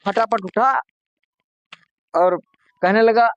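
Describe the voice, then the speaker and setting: A man's voice: sits high, steady tone, slow pace, muffled recording. A man performing stand-up comedy, telling folksy jokes conversationally and acting out the dialogue in them.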